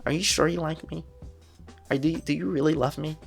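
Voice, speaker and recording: A man's voice: fairly high pitch, steady tone, a little fast, gravelly, soft background music, pitched above the performer's own voice. A man mimicking a needy, whiny girlfriend. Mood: pleading. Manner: whiny repeated questioning. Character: needy insecure young girlfriend, clingy.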